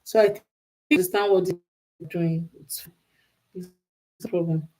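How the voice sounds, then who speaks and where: The audio is poor as a Nigerian-accented woman improvises relationship advice on her livestream. Her fairly low, dark voice holds a steady tone at an unhurried pace. She leans on emphasis, repeating phrases to make them land.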